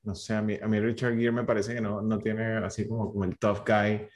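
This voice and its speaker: A man's voice: fairly low pitch, little pitch movement, brisk. A man co-hosting a casual film podcast, skeptical and short in his replies. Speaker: podcast co-host.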